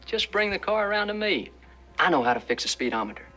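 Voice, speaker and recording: An actor playing a sly, slangy small-time hustler making chummy, wheedling sales patter in a film. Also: male voice, sits high, big pitch swings, fast, pushed and bright, soft background music, exaggerated voice.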